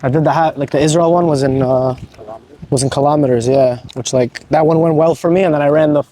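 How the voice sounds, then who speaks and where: A man's voice: a little high, steady tone, quick pace, warm tone, a little hiss or hum. A man in his twenties talking casually and earnestly to a vlog, in a motivational way with some casual swearing. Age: 20s. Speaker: vlogger, amateur runner.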